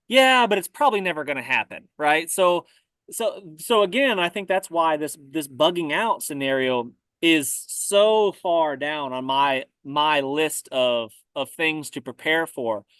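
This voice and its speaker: A man talking casually about survival gear, relaxed and often repeating words as he thinks. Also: fairly high pitch, no echo. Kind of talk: casual conversation.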